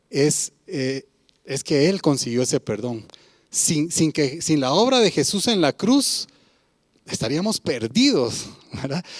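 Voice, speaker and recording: A man preaching a sermon, his fairly high voice rising and falling in wide, lively swings. He stops often to ask the congregation whether they agree. The sound is dry and close, with little room echo. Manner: emphatic preaching, often asks listeners "¿verdad?"; retells a Bible parable and comments on each part.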